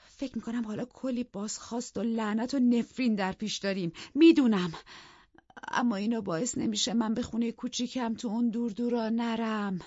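A woman's voice: a little high, dry recording, highs cut off, voice pushed up, close to an everyday voice. A woman voicing a delirious, furious young wife in an audiobook, with raised, overwrought outbursts.

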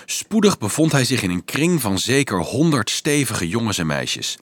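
A man with a low voice narrates a story with expressive, lively rises and falls. The recording is dry and close, with no room sound. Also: moderate pace, dry recording. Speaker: audiobook narrator. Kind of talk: scripted narration.

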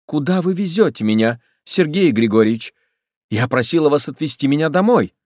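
A man's voice: fairly high pitch, lively intonation, moderate pace, a little mellow, no echo, clean studio sound, pitched above the performer's own voice, natural voice. A man voicing a frightened young woman who protests urgently and indignantly in an audiobook. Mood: alarmed.

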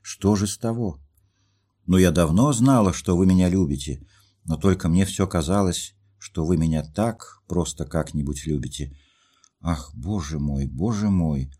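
A man's voice: low-pitched, a little slow, mellow, husky. A man reading a story aloud, voicing a hurt young woman who pleads through tears. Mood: bewildered. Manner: impassioned, pleading questions.

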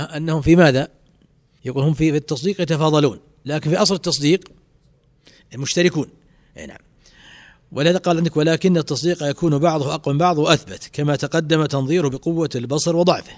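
A man, teaching a classical creed text and quizzing his students with rhetorical questions. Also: a little high.

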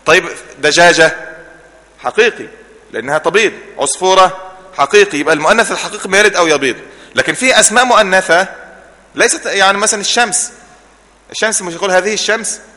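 A man with an Egyptian Arabic accent teaching a religious class. He keeps asking leading questions and answers them himself, and he repeats key words slowly so the class remembers them. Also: sits high, pushed and bright, big-room sound. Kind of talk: classroom Islamic jurisprudence lesson.

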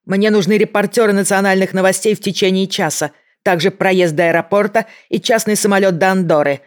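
A reader voicing a desperate, unhinged man who has a bomb and shouts threats down the phone. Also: medium pitch, steady tone, a little fast, smooth, pitched above the performer's own voice, natural voice. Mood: threatening. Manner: shouting, hissing, voice breaking. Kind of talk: audiobook character voice.

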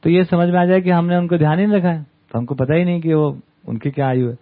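A man gives a relaxed talk to a camp study group, often pausing to check his listeners are following. His voice sits a little high. The sound is narrow and tinny, like a phone line. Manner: conversational, often adds "है ना?" tag questions. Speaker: camp speaker. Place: camp hall with an audience.

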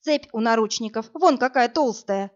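A woman's voice: a little high, normal speed, close to an everyday voice. A woman reading the lines of a nervous young man who slips into a manic rant in an audiobook. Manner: nervous, faltering, then ranting. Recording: dull lo-fi audio.

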